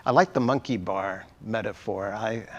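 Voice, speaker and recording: A man's voice: on the low side, normal speed, highs cut off. A male pastor giving a sermon in a church, conversational and asking the congregation questions. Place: church sanctuary.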